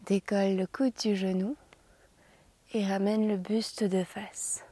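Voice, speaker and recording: A woman yoga teacher guiding a class in a soothing, gentle, slow manner, with a soft, breathy voice that often nears a whisper. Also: medium pitch, level tone. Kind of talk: guided yoga instruction.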